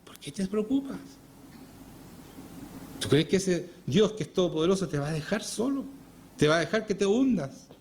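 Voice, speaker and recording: A man's voice: sits high, animated, moderate pace, long pauses, a little mellow, slight background noise. A man preaching a Sunday sermon in church, often putting rhetorical questions to his congregation. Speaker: pastor. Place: church service.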